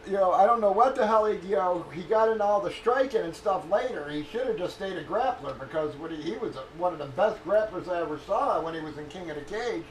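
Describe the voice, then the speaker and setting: A man's voice: high voice, expressive, quick pace, few pauses, a little hiss or hum. A man streaming casually, telling a rambling, profane story and stalling as he gropes for names. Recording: echoey room with faint ambience.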